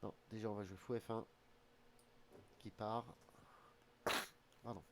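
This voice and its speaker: Thinking aloud during an online chess game, this streamer with a slight head cold mumbles his calculations in incomplete phrases. His lowish, creaky voice stays level and slow, and the streaming desk mic picks up a noisy background.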